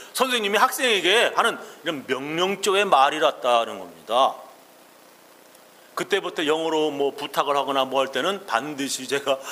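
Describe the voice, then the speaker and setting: A man's voice: high-pitched, pushed and bright. A male pastor giving a sermon, explaining English phrases and telling personal anecdotes. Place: church sanctuary. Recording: long reverb of a church hall.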